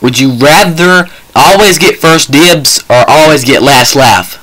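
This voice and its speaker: Bright, rowdy young man hosting a podcast. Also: on the high side, a little slow, poor audio. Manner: rowdy, joking, slips into mock voices and quotes. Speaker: podcast co-host asking would-you-rather questions. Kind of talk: casual podcast chat.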